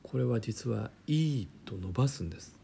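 A man teaching German pronunciation in a chatty, joking way, often dropping to a quiet aside. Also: mid-range voice, lively intonation, normal speed, gravelly, slight background noise. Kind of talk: casual spoken lesson with jokes.

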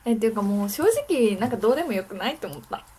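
A woman's voice: medium pitch, sing-song, rapid-fire, dark tone, husky. A woman from Wakayama with a Kansai accent, hosting a casual, comic radio chat. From Wakayama, Japan. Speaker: radio host as apprentice restaurant proprietress.

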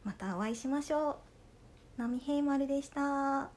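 Kansai-accent woman chatting on her podcast, warm mellow voice, polite and easygoing. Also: sits high, a little slow. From Okayama, Japan. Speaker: podcast host reading listener letters. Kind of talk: casual solo podcast chat.

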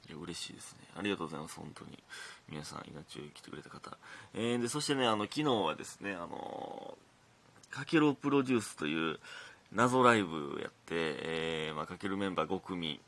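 A man's voice: deep voice, animated, brisk, fairly bright tone, slight background noise. A young man with a Kansai accent, a comedian hosting his own talk show and telling stories in a rambling, chatty way. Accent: Kansai Japanese. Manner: chatty, rambling storytelling with frequent restarts. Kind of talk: casual monologue.

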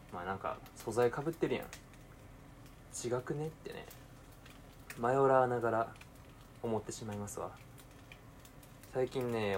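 A young man with a Kansai accent talking casually to himself while cooking, swinging between quiet mumbling and excited outbursts. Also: fairly low pitch, a little hiss or hum. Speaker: podcaster.

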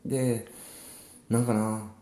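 Low mellow-voiced man, casual chat. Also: slow pace, reverberant. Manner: relaxed, rambling storytelling with many fillers. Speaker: musician co-host.

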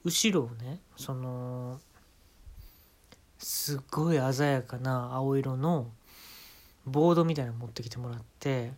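A man's voice: mid-range voice, measured pace, long pauses, darkish tone. A man with a Kansai Japanese accent hosting a podcast, telling an absurd comic story and giving mock-serious instructions in a casual monologue. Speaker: podcast host.

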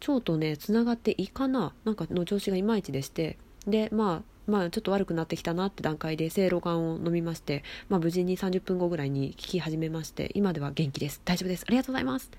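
Giggly, excitable woman chatting solo. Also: lowish voice, quick pace, hardly any pauses. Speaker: solo talk show host. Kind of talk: casual solo talk. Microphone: phone app recording.

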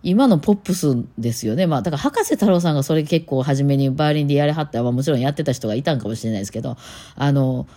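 Deep, dark, and expressive, this woman's voice races along as she rambles through casual solo talk full of fillers. She is a musician and podcast host with a Kansai Japanese accent, chatting on her own show.

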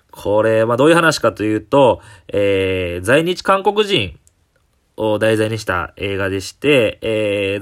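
A male comedian talking casually and enthusiastically on his solo podcast, with lots of fillers. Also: lowish voice.

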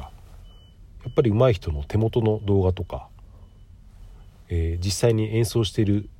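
This is a middle-aged podcast host with a cold, his low, dark, husky voice coming out nasal and congested. He gives a polite, explanatory solo monologue, casual and filled with filler pauses, recorded with no room sound.

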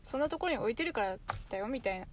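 Lively high-voiced young woman. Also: a little hiss or hum. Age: young adult. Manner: lively, quick, laughs often, jumps in mid-sentence. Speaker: podcast co-host. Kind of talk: casual chat among friends.

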